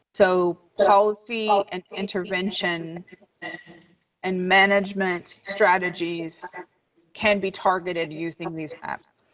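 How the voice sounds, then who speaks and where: A woman presenting research findings in a webinar, speaking in measured phrases. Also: on the low side, fairly bright tone. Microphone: video call. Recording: muffled distant video call audio.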